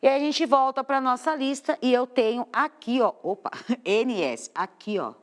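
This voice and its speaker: A woman's voice: on the high side, normal speed. A Brazilian woman teacher giving a studio lesson to children, explaining patiently and stretching out the stressed words. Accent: Brazilian Portuguese.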